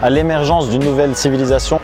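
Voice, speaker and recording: Man, 30s, mid-pitched, earnest founder pitch with hesitant fillers, over background music. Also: fairly even intonation, fast. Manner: earnest and reflective, frequent hesitant "euh" fillers. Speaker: founder pitching his project. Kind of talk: promotional personal narration. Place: outdoors on city rooftops. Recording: music playing under the voice.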